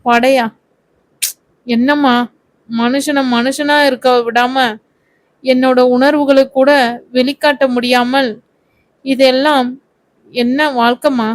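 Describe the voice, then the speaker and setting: A woman reading the part of a quick-tempered young actress who complains and argues with her mother. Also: high-pitched, steady tone. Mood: complaining. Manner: indignant, complaining.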